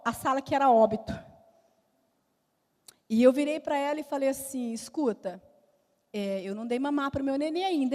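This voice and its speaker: A woman's voice: high voice, darkish tone. A woman telling her life testimony in church, emotional storytelling that acts out quoted dialogue. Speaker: testimony speaker. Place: church hall. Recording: hall reverb.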